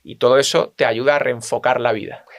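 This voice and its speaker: Man, podcast host from Spain, gravelly voice, mid pitch, hesitant halting questions, dry close sound. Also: steady tone, no room sound. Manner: hesitant, many fillers and restarts. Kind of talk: interview questions.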